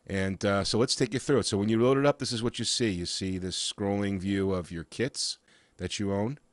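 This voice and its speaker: A man with a cold and a raspy voice, walking through software in a casual, halting way with frequent uhs and restarts. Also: on the low side, steady tone, no echo. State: has a cold. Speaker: software reviewer. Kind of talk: casual screen-share walkthrough.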